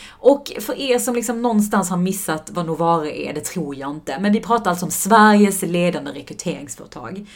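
A woman's voice: lowish voice, animated. A woman co-hosting a podcast, chatting casually in an upbeat, giggly way with lots of filler words and running a sponsor read. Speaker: podcast co-host.

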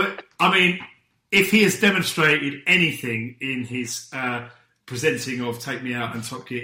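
A man's voice: mid-range voice, bright, forceful tone, a little hiss or hum. A man hosting a casual sports podcast, joking wryly and rambling through restarts. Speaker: podcast host. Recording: roomy echo.

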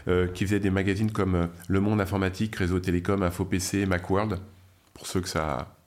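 A man's voice: deep voice, flat delivery, a little fast. A middle-aged man from France, a guest telling his career story in a chatty way, with many fillers and restarts. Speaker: guest, media founder. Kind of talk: interview storytelling.

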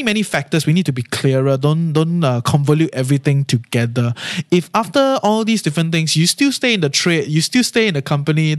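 Singaporean man podcasting in casual Singlish, higher-pitched. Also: no room sound, clean studio sound. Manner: colloquial Singlish, with lah, hor and eh particles; conversational, often checking in with "right?" and "you know". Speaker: podcast host. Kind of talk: casual solo podcast talk giving advice.

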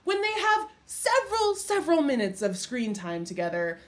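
A woman's voice: high voice, moderate pace. Exasperated woman podcast co-host. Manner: animated, exasperated ranting with sarcasm. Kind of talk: casual film discussion.

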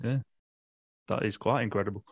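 A man co-hosting a football podcast, chatting with brief replies and quick asides. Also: lowish voice, breathy edge, no echo, dull audio. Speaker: podcast co-host. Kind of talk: casual football podcast chat. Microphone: podcast microphone.

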